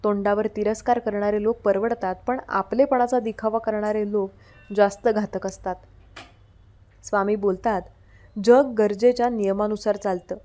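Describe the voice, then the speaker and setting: Dark-toned woman reading devotional messages. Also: medium pitch, fairly even intonation, normal speed. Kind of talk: scripted devotional narration.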